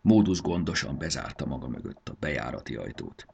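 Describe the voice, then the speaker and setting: Male storybook narrator, expressive, husky and low. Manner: expressive, sing-song storytelling.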